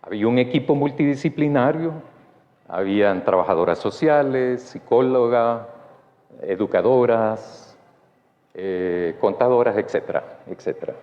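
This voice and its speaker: A man's voice: mid-range voice, lively intonation, unhurried. A male pastor telling a personal story in a sermon, chatty and often checking in with his listeners. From El Salvador. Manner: conversational, keeps asking the congregation for agreement. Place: church sanctuary. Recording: dull sound in a church with long reverb.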